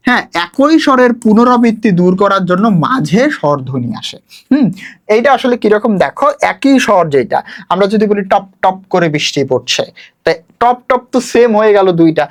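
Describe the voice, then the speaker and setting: A man's voice: sits high, very animated, normal speed. A young man, teaching a recorded grammar lesson for admission exams, who asks questions and answers them himself. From Bangladesh. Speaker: admission exam tutor.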